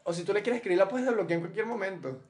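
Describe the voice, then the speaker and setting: A man's voice: high-pitched, racing, darkish tone. A young man with a Venezuelan accent co-hosting a podcast in casual chat, slangy and joking, working through hypothetical examples. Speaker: podcast co-host.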